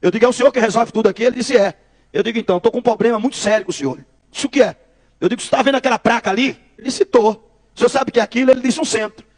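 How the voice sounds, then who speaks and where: A man's voice: very high-pitched, rapid-fire. A Brazilian man giving a testimony as a preacher. He tells the story by acting out the dialogue and calls his listeners brother. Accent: Brazilian Portuguese.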